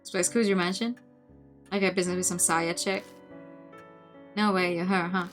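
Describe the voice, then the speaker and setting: A woman's voice: on the low side, fairly even intonation, moderate pace, close to an everyday voice. A cocky young punk guy from a horror game, played by a woman, talks in brash slang. He acts tough but is easily rattled. Faint music plays underneath. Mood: cocky, suspicious.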